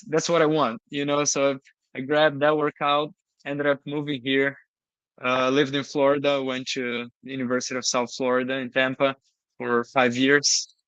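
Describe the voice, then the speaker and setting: Young male interview guest, earnest, smooth and resonant, dry close sound. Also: medium pitch, a bit bright, dry recording, poor audio. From Brazil. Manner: earnest, frequent "you know". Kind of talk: casual interview talk.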